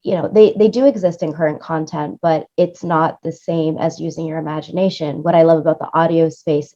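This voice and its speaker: Deep-voiced and mellow, this woman comes through a muffled recording as an interview guest discussing her creative work. She produces radio plays and supervises music, and she speaks conversationally with effusive enthusiasm.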